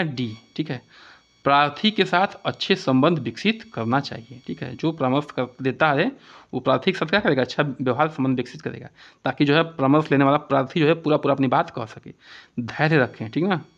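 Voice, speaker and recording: A man teaching an exam-prep lesson, with a voice on the higher side. He poses each question aloud, answers it himself and repeats the key points over and over. The recording sounds muffled and lo-fi. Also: a bit bright. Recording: dull lo-fi recording.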